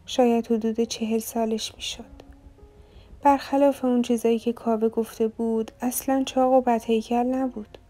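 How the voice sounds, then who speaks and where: A woman reading a novel aloud as an audiobook narrator, in a soft, even storytelling manner. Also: a little high, faint music behind.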